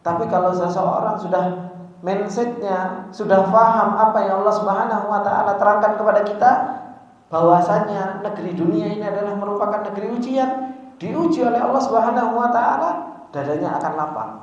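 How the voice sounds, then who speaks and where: A male Islamic preacher delivering a sermon to an audience of men, repeating phrases and rising in emphasis on key words. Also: sits high. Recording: echoey hall from far off, dull sound.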